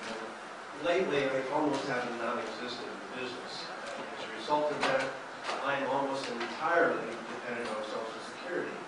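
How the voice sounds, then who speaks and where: A man, an audience member at a town hall, speaking slowly and haltingly. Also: medium pitch. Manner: slow, halting questions. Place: public meeting room. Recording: echoey hall from far off, loud noise.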